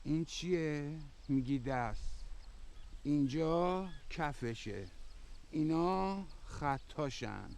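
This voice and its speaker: A man's voice: a little high, lively intonation, vocal fry, darkish tone. An actor playing a scornful uncle who mocks his niece in a film drama, speaking in a sarcastic, taunting way. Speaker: the woman's uncle.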